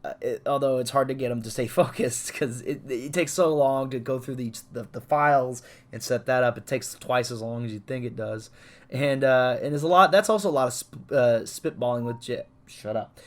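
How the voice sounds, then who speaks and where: A man's voice: medium pitch, moderate pace. A young man co-hosting a podcast in casual chat, rambling and laughing, hiccuping at times. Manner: rambling, laughing, trails off into asides. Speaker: podcast co-host.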